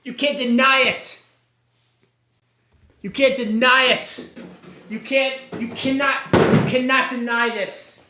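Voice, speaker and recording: A man's voice: very high-pitched, steady tone, slow pace, pauses often, noisy background. Hyped man in an echoey room. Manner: repetitive, mock sportscaster hype, catchphrases. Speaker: livestream host. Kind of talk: hyped live tier-list commentary.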